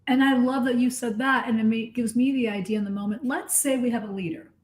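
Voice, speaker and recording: A woman's voice: fairly high pitch, steady tone, quick pace. A woman coach in a casual discussion, talking in an earnest, explanatory and emphatic way. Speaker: coach and guest.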